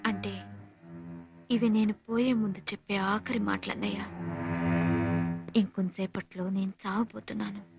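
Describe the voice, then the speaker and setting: A heartbroken young sister. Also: female voice, medium pitch, level tone, vocal fry, highs cut off. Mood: mournful. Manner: slow, mournful speech. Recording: film soundtrack with loud music.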